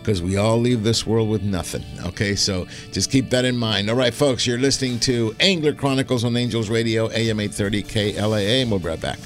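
A man hosting a fishing radio talk show, chatty and quick to laugh. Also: lowish voice, over music. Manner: chatty, laughs easily, restarts sentences. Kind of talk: casual radio chat.

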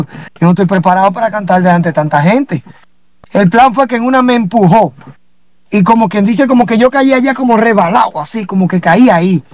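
A man with a fairly high voice tells his story in a casual interview. He acts out the dialogue he quotes with lively energy. The sound is dry and close. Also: no room sound, muffled recording. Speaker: singer guest.

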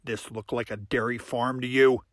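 A man voicing a gruff, dry-witted male bartender in an audiobook drama, sounding unimpressed. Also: mid-range voice, level tone, normal speed, no echo, natural voice.

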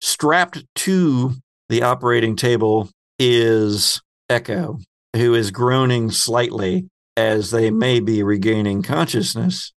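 Acting as game master for a tabletop horror game, a man narrates scenes descriptively, pausing haltingly as he goes. His voice sits at a medium pitch.

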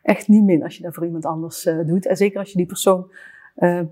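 A mother in a slightly low voice. She talks candidly in a personal interview, pausing and restarting as she finds her words. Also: steady tone, warm tone. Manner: candid, halting, with frequent restarts and fillers.

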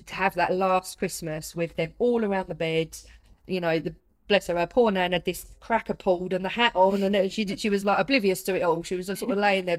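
British woman interviewer, fairly low voice. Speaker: interviewer and host. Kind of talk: conversational interview.

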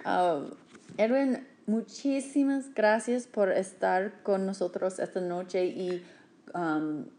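A woman hosting a casual podcast conversation, asking questions in a soft-spoken way. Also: mid-range voice, slow. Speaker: podcast host.

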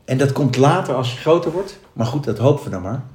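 A man's voice: mid-range voice, expressive, fast talker, darkish tone, roomy sound. A man co-hosting a podcast in casual chat, hesitant, with stammering restarts. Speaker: podcast co-host.

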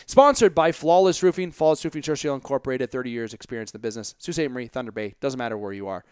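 A man's voice: mid-range voice, racing, darkish tone, clean tone, no room sound, studio quality. Rambling chatty male podcast host. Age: young adult. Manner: rambling, chatty, self-interrupting. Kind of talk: solo sports podcast monologue.

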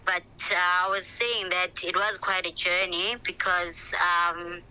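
A woman's voice: on the low side, little pitch movement, slow pace, bright, forceful tone, clean tone. A woman author answering interview questions over a phone line while travelling on the road, often hesitating and repeating words as she searches for them. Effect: heard over a phone line. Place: in a moving vehicle on the road. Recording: phone call, voice breaks up and drifts from the mic.

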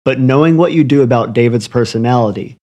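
A man's voice: medium pitch, fast, mellow, highs cut off. A man narrating a scripted true crime story in an ominous, literary storytelling manner. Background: music under the voice.

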